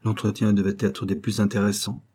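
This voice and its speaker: A man reading a novel aloud as an audiobook narrator, in measured storytelling. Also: on the low side, level tone, dark tone. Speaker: audiobook reader.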